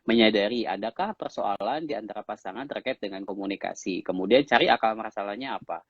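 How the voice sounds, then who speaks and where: Man from Indonesia, host; lowish, husky voice on dull lo-fi audio. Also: fast talker, dry recording. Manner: sums up and asks long questions. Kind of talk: live-stream interview hosting. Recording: dull lo-fi live-stream audio.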